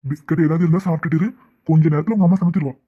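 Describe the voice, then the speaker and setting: A woman's voice: low voice, fairly even intonation, very fast, breathy edge, voice pushed down. A woman voicing a doting middle-aged father who shields his daughter in a cartoon. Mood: indulgent. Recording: thin phone-like sound, off-mic.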